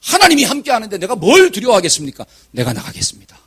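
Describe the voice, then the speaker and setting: A fearless young shepherd boldly declares that he will fight, his husky voice full of conviction, as a male preacher puts him on. His pitch rises and falls freely. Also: huge pitch swings, fast talker, a bit bright, full character voice. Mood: defiant.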